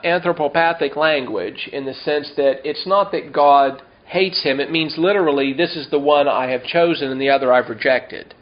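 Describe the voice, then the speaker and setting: A man preaching a sermon, reading scripture slowly and emphatically and asking the congregation rhetorical questions. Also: a little high. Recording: dull lo-fi sound.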